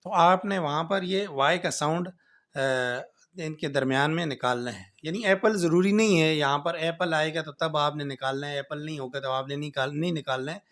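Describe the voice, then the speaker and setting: A man teaching an English grammar lesson, explaining slowly, repeating points and often checking with "right?". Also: a little high, a bit bright. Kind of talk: classroom lecture.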